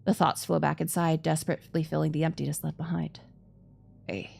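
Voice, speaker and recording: Low-voiced, slightly creaky woman narrating. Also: little pitch movement, quick pace, darkish tone. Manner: stumbles over hard words and repeats them. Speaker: streamer reading a visual novel aloud. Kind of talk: dramatic narration of game text. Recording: music behind the voice.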